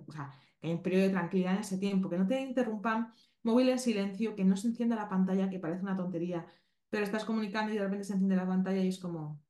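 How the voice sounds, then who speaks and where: A woman's voice: medium pitch, mellow. A woman with a Spanish accent from Spain, teaching a podcast lesson in an explanatory way and checking in with listeners often. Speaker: animal communication teacher. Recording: roomy echo.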